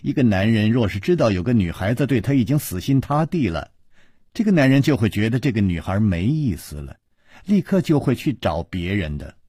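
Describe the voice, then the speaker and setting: A man voicing a sulky, sharp-tongued young princess who speaks coldly and mockingly. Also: fairly low pitch, very animated, fairly quick, slightly rough, no echo, studio quality, voice pushed up. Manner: cold, mocking, sniffing.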